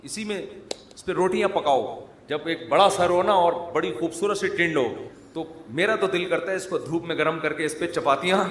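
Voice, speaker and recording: A man's voice: sits high, a bit bright, slight background noise. A man from Pakistan, giving a humorous sermon, mixing jokes with earnest advice and answering his own questions. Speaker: Islamic preacher. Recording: echoey hall with faint ambience.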